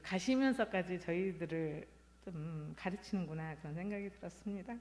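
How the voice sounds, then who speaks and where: A woman in her fifties, a Won Buddhist minister, giving a halting, reflective talk at a Sunday service. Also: lowish voice, a little mellow. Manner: halting, reflective, personal storytelling. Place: temple hall. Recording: long hall reverb.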